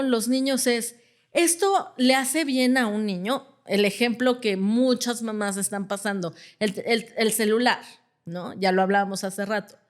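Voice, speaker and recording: A woman psychologist explains things in a conversational way. Her voice sits a little high. She checks in often with short questions and acts out the parents she quotes. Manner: explains with everyday examples, often checks with "¿no?" and "ajá". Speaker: clinical psychologist guest.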